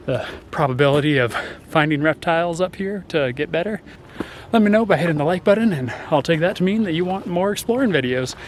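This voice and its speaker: A man's voice: a little high, slight background noise. A man chatting casually to the camera while hiking up a desert mountain trail, a bit out of breath. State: out of breath from walking uphill. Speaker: nature vlogger. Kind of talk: casual hiking vlog narration.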